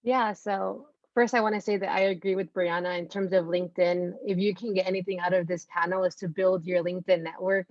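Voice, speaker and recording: A woman from California gives earnest advice as a graduate student on a panel. Her voice is lowish and very even in pitch. The sound is dry and somewhat dull, like a lo-fi call. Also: fairly quick, hardly any pauses, no echo. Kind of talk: casual panel answer.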